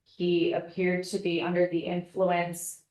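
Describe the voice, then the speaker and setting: A woman testifying in court as a paramedic, polite and measured, heard as a courtroom recording. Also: lowish voice, completely flat delivery, darkish tone. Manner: polite, measured, answering with "yes, sir". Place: courtroom witness stand. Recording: echoey courtroom audio.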